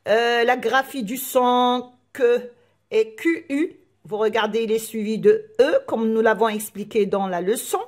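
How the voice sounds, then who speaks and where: A woman teaching a primary school phonics lesson, spelling out letters and sounds slowly and carefully. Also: on the high side, darkish tone, roomy sound. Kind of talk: recorded classroom lesson.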